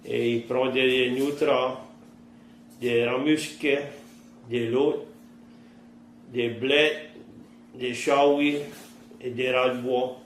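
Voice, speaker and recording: A man's voice: medium pitch, steady tone, very slow, long pauses. A man in his fifties with a Cajun French accent, plain-spoken in rural vernacular, recounting his life in an interview. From southern Louisiana, United States. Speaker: interviewee, trapper and fisherman. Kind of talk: oral-history interview, recounting past life. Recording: roomy echo, faint background noise.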